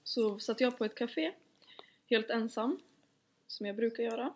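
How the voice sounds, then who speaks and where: A young woman co-hosting a podcast, chatting casually and teasing her friend. Her voice sits a little high, and she rambles and giggles between thoughts. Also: a little mellow. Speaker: podcast co-host. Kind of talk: casual chat.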